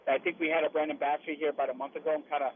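A man's voice: on the high side, flat delivery, very fast. A man chatting casually as a radio guest, calling in from inside a truck cab as it travels. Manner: speaking from inside a truck cab while riding. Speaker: guest, liquor brand representative. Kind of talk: casual radio interview by phone. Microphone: phone call. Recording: tinny phone line with clear noise. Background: truck cab noise.

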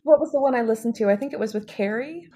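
A woman's voice: fairly high pitch, fast talker, crowd noise. A woman talking casually as a guest author in a podcast interview.

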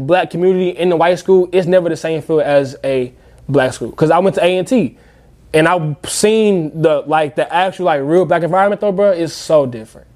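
Man, 20s, from the US: fairly high voice, emphatic profane slang, casual group talk. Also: darkish tone.

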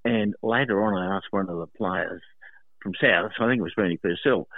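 An older man from Sydney with an Australian accent, reminiscing casually as an interview guest, telling stories with pauses. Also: sits low, dry recording. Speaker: interview guest, lifelong rugby league fan. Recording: thin, phone-like narrow sound.

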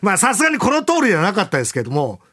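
Animated chatty male radio host. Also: high-pitched, very fast, slightly rough. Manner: lively, rambling, laughing between lines. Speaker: radio after-talk host. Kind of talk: casual chat.

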